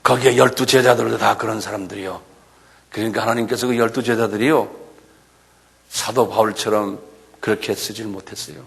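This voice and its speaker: A male pastor preaching a sermon in a church, animated and full of rhetorical questions. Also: lowish voice, a little fast, vocal fry, pauses often. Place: church sanctuary.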